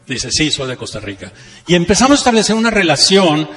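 In a reverberant seminar hall, a man from Monterrey with a northern Mexican Spanish accent addresses an audience, weaving anecdotes into a motivational talk. His voice sits fairly high and sounds fairly bright and sing-song, moving quickly, as he leans on rhetorical questions and stresses key phrases through repetition.

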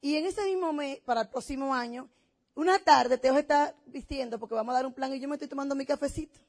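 Emphatic high-voiced woman. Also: fast, a little mellow. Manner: emphatic, storytelling. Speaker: business speaker. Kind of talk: motivational testimonial speech.

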